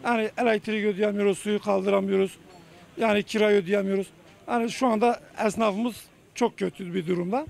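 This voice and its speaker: A man's voice: high-pitched, steady tone, fairly quick, creaky. A male market trader, answering off the cuff in a street interview. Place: outdoors at a market.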